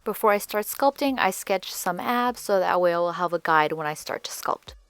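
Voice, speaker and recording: A woman's voice: on the low side, lively intonation, normal speed, clear, resonant tone, faint music behind. A woman with braces slightly altering her speech, giving a chatty, candid voice-over for a craft tutorial. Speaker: doll repaint tutorial host. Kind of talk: casual voice-over tutorial narration.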